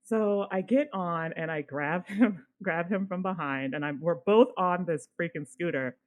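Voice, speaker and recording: A woman co-hosting a podcast, telling a personal story in a casual, animated way and swearing now and then. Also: lowish voice, a little slow. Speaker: podcast co-host.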